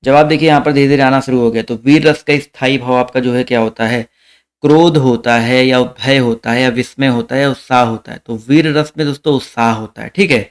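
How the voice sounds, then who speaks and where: Smooth-voiced man teaching an online class. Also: mid-range voice, steady tone, a little fast. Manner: addresses viewers as friends, repeats questions and answers. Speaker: online exam-prep teacher.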